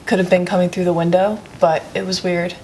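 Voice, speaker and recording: Lowish-voiced young woman, hushed chat. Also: level tone, brisk. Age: 20s. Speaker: paranormal investigator. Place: indoors in a dark old mansion. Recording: low rumble, faint location noise.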